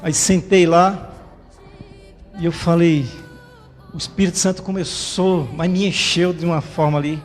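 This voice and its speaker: A man's voice: on the high side, steady tone, a little slow, pauses often, long reverb tail, soft background music. A man preaching a sermon as pastor, fervent and conversational, tagging his phrases with a questioning "right?". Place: church livestream.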